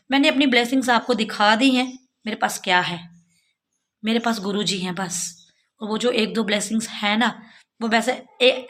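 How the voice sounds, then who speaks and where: A middle-aged woman from Jammu, India, runs a casual devotional vlog, earnestly explaining and pleading with viewers while nursing a sore throat. Her voice is a little high and a bit bright.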